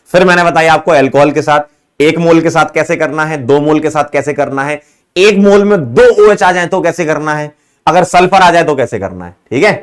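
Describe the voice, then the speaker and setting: A man's voice: on the high side, normal speed, clear, resonant tone. A male chemistry teacher wrapping up an online lecture, chatting casually and joking with his students, laughing often. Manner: playful, joking, laughs often, calls students 'beta' and 'bhai'.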